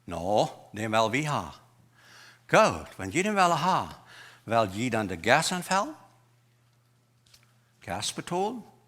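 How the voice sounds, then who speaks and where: Bright-voiced preacher with a Low German accent. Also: male voice, wildly swooping pitch, takes it slowly, pauses often. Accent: Mennonite Low German. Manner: switches between Low German, German and English words, emphatic. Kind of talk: sermon. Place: church.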